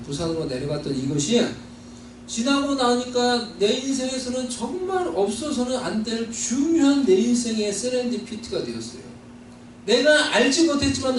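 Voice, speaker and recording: Male preacher from Seoul, earnest testimony; distant mic in a roomy hall, faint background hum. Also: high voice. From Seoul, South Korea. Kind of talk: sermon testimony.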